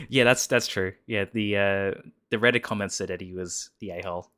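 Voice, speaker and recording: Halting low-voiced man hosting a stream. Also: steady tone, a bit bright, clean tone. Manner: halting, repeats words often. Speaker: stream host. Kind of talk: casual live-stream chat.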